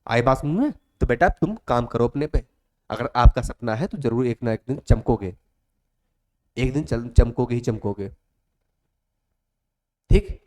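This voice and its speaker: A man's voice: mid-range voice, a little slow, pauses often, a little mellow. A male coaching teacher speaking. He gives a motivational class talk, repeats his points over and over, calls the students "beta" and sometimes acts out student voices.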